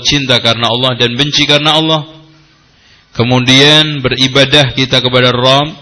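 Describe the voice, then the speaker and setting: A man preaching an Islamic study lecture, animated and joking, jumping up high in pitch and acting out complaints. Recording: live audio of a study session.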